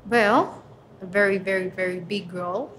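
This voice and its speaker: A woman's voice: medium pitch, steady tone, fairly bright tone, slight background noise. Earnest young woman from Uganda. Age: 20s. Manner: earnest, reflective, with pauses and fillers. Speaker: interviewee, advocate for women and girls. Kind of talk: answering interview questions.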